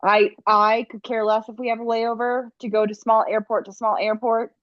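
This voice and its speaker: A woman's voice: on the high side, little pitch movement, normal speed, no echo, muffled recording. A young woman co-hosting a podcast, chatting casually and rambling, tripping over words now and then. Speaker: podcast co-host. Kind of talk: casual chat.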